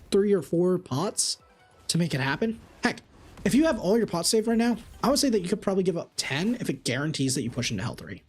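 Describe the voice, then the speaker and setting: Here a game streamer reads his chat's questions out loud and responds energetically. He's a man with a slightly raspy, somewhat high voice.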